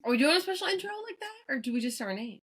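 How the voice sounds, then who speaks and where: A woman's voice: high voice, big pitch swings, very fast, a bit bright. A woman, the podcast's producer, chiming in during casual chat in a jokey, teasing way.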